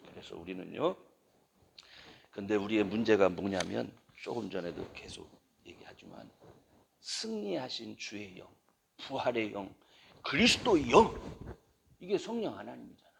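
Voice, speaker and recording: A middle-aged male pastor preaching a sermon and leading a closing prayer, with impassioned, pleading cries that rise to loud exhortation. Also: on the low side, animated, moderate pace, gravelly, pauses often, a little hiss or hum.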